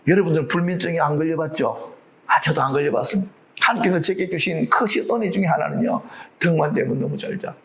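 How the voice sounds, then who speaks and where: A man preaching a sermon in an animated way, asking the congregation rhetorical questions and acting out the voices of the people in his story. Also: fairly high pitch, gravelly, a little hiss or hum, rough recording. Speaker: pastor.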